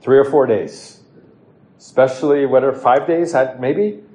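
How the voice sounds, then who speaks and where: A man's voice: mid-range voice, moderate pace, dark tone, echoey room, low-quality recording. A man preaching a sermon to his congregation, asking rhetorical questions and quoting scripture. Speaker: pastor.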